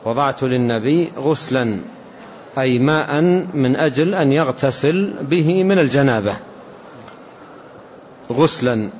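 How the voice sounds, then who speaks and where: A man teaching as a sheikh, explaining hadith in a measured way and repeating key points. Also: medium pitch. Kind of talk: religious lesson commentary. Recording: dull lo-fi lecture recording with faint hiss.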